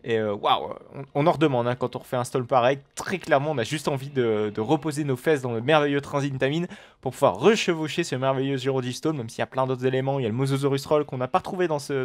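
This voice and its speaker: A man giving live commentary on a game, excitable and rambling, with frequent swearing and exclamations. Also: medium pitch. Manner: rambling with many fillers and restarts. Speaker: gaming video host.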